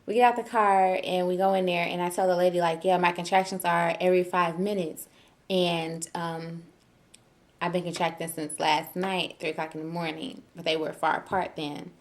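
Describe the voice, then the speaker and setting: A young woman, telling a story casually and animatedly, laughing often and acting out her own shouting. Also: fairly low pitch, little pitch movement, moderate pace. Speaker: new mother vlogger.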